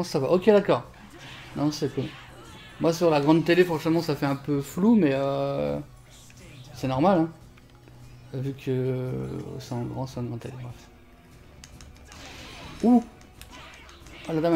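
A man streaming a fighting game from home on a desk mic, swearing and shouting at the game while chatting with viewers. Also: on the high side, vocal fry. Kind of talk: live gameplay commentary. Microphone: desk microphone.

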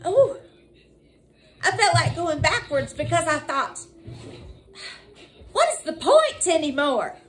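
A woman evangelist preaching with fervor, her high voice leaping up and down in wide swings. She speaks at an unhurried pace, stretching scripture out slowly and breaking into cries of hallelujah. She calls her listeners y'all. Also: sing-song. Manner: fervent, exclaiming hallelujah and woo. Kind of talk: sermon.

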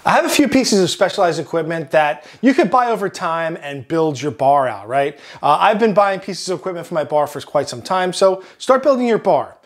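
A chef with a Long Island accent hosting a cooking demonstration, relaxed, often ending points with "right?". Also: male voice, fairly high pitch. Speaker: chef and host.

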